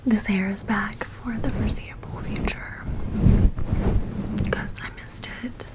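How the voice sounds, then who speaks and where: A woman whispers unvoiced ASMR chat right into a close microphone with a fluffy cover. Her delivery is slow and drawn out, and she lingers on repeated words. Her voice sits at a middling pitch beneath the hush. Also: steady tone. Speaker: ASMR channel host.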